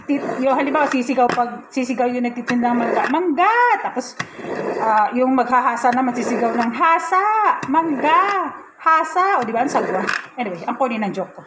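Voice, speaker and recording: A woman's voice: on the high side, fast talker, heavy background noise. A woman chatting casually in a home kitchen vlog, giggly and self-mocking. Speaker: vlogger.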